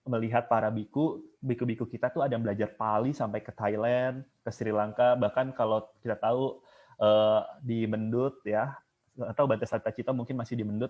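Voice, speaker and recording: A man lectures casually over a video call, wandering from point to point and now and then breaking into a chanted line. His voice sits at a middle pitch, and the call audio is a little muffled. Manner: casual and digressive, sometimes chanting examples. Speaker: guest speaker teaching chanting. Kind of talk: informal online lecture.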